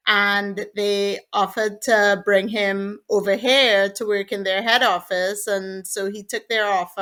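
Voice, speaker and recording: A woman's voice: medium pitch, pushed and bright. A woman from Trinidad, a podcast guest, earnestly telling her personal faith story in an interview.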